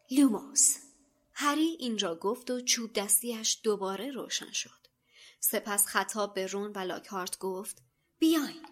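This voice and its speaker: A woman podcast host reading a novel aloud in a hushed, suspenseful storytelling voice, often close to a whisper. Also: mid-range voice. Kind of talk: audiobook narration.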